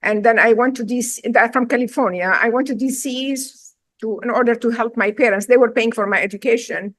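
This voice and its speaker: A middle-aged Syrian chef and restaurant owner with a Syrian accent tells her story in a casual interview, emphatic and direct. Her voice is a little high and fairly quick, with no room sound.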